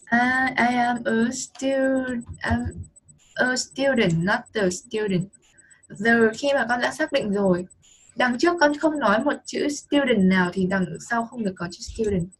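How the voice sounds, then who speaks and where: A woman with a Vietnamese accent teaches English over a video call, her voice somewhat husky and pitched a little high. She talks patiently and coaxingly, spelling out words letter by letter as she corrects a child's homework. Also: unhurried.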